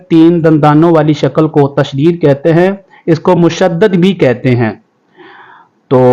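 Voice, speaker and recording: A man teaching a tajweed lesson to children, explaining quickly and then reciting words slowly and drawn out. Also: on the high side, mellow, dull audio. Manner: addresses children as pupils. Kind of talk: tajweed lesson, spelling out and chanting Arabic words.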